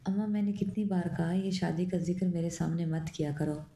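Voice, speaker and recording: A woman's voice: on the low side, fairly quick, mellow, a little hiss or hum, lightly acted. Woman reading as a cocky, teasing young man. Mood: impatient. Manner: mocking, needling. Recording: roomy echo.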